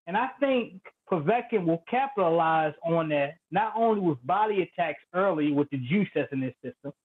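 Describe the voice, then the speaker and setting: High-voiced man on a crackly phone line. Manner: animated, loud and playful, vivid street storytelling. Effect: crackly, staticky phone line. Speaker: guest predicting a boxing fight. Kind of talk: casual trash-talking chat. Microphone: cheap phone.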